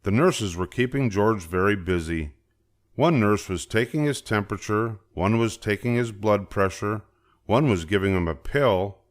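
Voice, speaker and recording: An older man narrating a children's story aloud in an expressive, deliberate storytelling manner. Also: fairly low pitch. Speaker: storybook reader.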